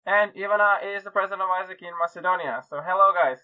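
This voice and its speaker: A Serbian man with a high voice talks fast while hosting a laid-back podcast over a video call. He's upbeat and full of jokes, and the lo-fi audio picks up crowd noise in the background.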